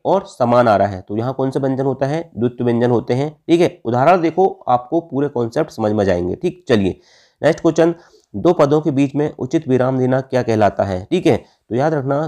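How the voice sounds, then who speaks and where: A man leads an exam-prep grammar lesson in a warm, mellow tone. He keeps asking "what is it called?" and answers it himself. He repeats each key term so it sticks. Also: medium pitch. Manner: asks the class questions and answers them himself, addressing "friends"; repeats key terms for emphasis. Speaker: Hindi grammar teacher.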